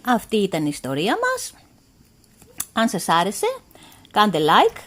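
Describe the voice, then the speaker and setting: A female storyteller giving an expressive, animated read-aloud narration. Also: mid-range voice, a little hiss or hum.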